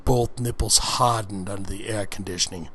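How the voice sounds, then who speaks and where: A man with a lowish voice reads an erotic book aloud in a casual ASMR style, keeping his intonation fairly even at a moderate pace. His tone is a bit bright, with a little hiss or hum in the audio. Between passages he breaks off into crude, slangy, folksy asides.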